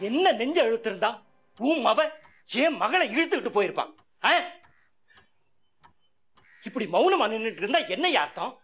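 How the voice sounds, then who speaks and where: A domineering village chief in a television serial, angry and threatening. His voice is very high and moves around a lot. Music plays faintly beneath him. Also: big pitch swings, moderate pace, long pauses, a bit bright, exaggerated voice. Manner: commanding, threatening. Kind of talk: 1990s television serial acting.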